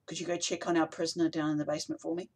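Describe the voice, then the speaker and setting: A man's voice: on the high side, little pitch movement, very fast. Brief: man voicing an overworked woman rebel leader, curt, weary, firm, for an audiobook.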